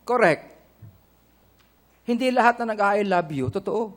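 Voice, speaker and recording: A man's voice: high-pitched, animated, a little slow, noisy background. A middle-aged Filipino man with a Filipino accent, preaching a sermon to his congregation, quoting scripture and asking them "Amen?" and "Correct?". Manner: preaching in Tagalog mixed with English, quoting scripture. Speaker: pastor.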